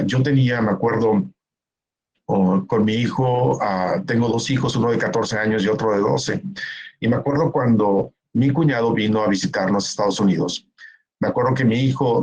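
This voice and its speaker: A man's voice: lowish voice, darkish tone, husky, low-quality recording. A man, giving a conference talk in an earnest, explanatory way, often stopping to act out what parents say. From Mexico. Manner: earnest, explanatory, acts out parents and relatives in quoted asides. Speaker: keynote speaker. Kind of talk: conference talk, answering a question.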